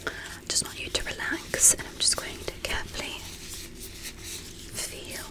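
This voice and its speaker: The recording is rough as a woman ASMR performer whispers softly and breathily, taking on the role of a fascinated alien doctor in a medical roleplay. She speaks gently and deliberately, in short measured phrases.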